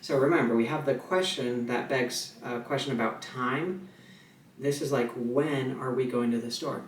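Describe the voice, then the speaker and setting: A man teaching sign language in a relaxed, chatty way, with fillers and restarts, slowing down to mouth his example sentences. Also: medium pitch. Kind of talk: casual instructional video. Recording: echoey room, voice a little far from the mic, faint ambient noise.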